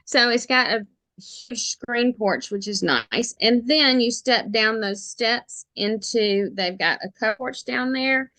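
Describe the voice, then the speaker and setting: Bright-voiced woman with thick Southern accent. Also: fairly high pitch, slow pace, dry recording. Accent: thick Southern US, Alabama. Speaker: realtor, interview guest. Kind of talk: casual chat.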